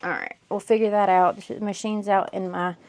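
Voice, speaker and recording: A woman's voice: mid-range voice, flat delivery, moderate pace, darkish tone. A woman crochet vlogger chatting casually about her studio work, rambling a little and swearing now and then. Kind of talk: casual studio vlog chat. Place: home craft studio.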